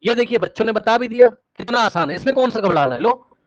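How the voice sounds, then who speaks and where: A male teacher giving a live online class lecture, energetic, repeating words rapidly to prod his students and coaxing them with questions. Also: sits high. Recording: dull, dry online-class audio.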